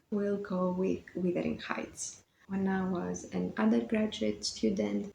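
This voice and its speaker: A book vlogger from Greece, in her 20s, talks casually about books to camera in English, her second language, her Greek accent clear; she laughs often and seems a bit self-conscious. Her medium-pitched voice is creaky and mellow, with a reverberant, low-quality recording and slight background noise.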